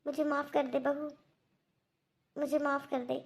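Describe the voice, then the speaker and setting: A woman voicing a middle-aged mother-in-law who speaks quietly and apologetically in a cartoon. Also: high voice, level tone, unhurried, vocal fry. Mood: remorseful.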